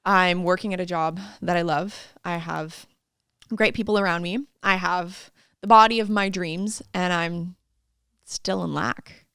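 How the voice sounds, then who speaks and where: A young adult woman chatting as a podcast guest, telling lively stories and acting out the voices of others. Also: lowish voice, a little slow, clean tone, dry recording, studio quality. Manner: lively storytelling, acts out quoted voices, laughs often. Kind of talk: casual interview chat.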